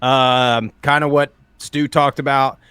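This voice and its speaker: A man's voice: mid-range voice, level tone, takes it slowly, bright, forceful tone, clean tone, dry recording. A man co-hosting a college football podcast with a joking, teasing manner. His voice is mid-range and recorded dry, with no room sound around it. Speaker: podcast co-host. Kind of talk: casual sports debate.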